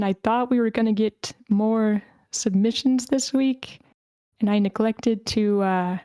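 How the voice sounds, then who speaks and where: A woman with a smooth, clear, somewhat high voice hosts an online screenplay table read in a relaxed, informal way. She is a little hesitant and accommodating toward the participants, with a mellow tone. A close microphone on the voice call keeps the sound dry and close with no room sound.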